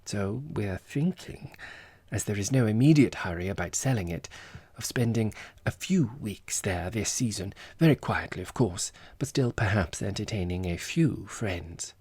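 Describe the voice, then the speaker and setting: A man's voice: on the low side, animated, normal speed, darkish tone, husky, no echo. A man voicing an affected, self-important society woman in an audiobook, with airy, theatrical phrasing and Italian endearments. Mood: gushing. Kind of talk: audiobook character voice.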